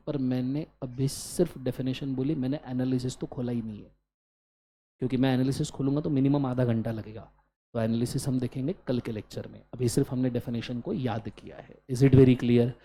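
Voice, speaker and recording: A man's voice: mid-range voice, steady tone, normal speed, mellow, slight background noise. A man with an Indian accent giving a law lecture in a mix of Hindi and English. He drills his students in call-and-response chants and scolds them playfully. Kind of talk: classroom lecture.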